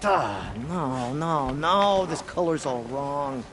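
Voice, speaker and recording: A man's voice: medium pitch, expressive, measured pace, gravelly, slight background noise. A man playing a put-upon cloth dyer in a video game, grumbling to himself about his work. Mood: disgruntled. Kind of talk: video game ambient character dialogue.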